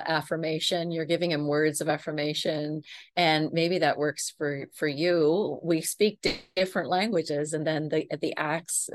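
A woman's voice: low voice, no room sound. A middle-aged woman coach, a guest on a podcast, talking about marriage in an encouraging, affirming, teaching way. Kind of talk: podcast interview.

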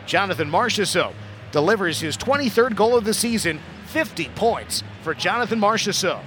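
A man's voice: high-pitched, animated, moderate pace, fairly bright tone, faint music behind. A man giving live hockey commentary as play-by-play announcer, with dramatic calls on big plays. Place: arena broadcast booth.

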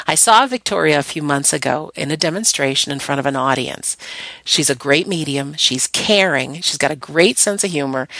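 A woman's voice: deep voice, sharp tone, no echo. A woman hosting an online radio show, giving an upbeat scripted introduction and then chatting with enthusiasm in an interview.

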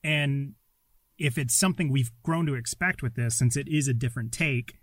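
A man's voice: mid-range voice, moderate pace, a bit bright, no echo. A man co-hosting a casual podcast, chatting informally from a small closet. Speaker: podcast co-host.

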